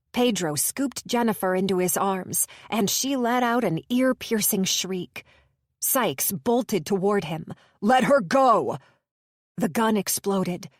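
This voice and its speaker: Slow, measured woman narrating an audiobook. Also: medium pitch, dry recording, clean studio sound. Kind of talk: scripted narration.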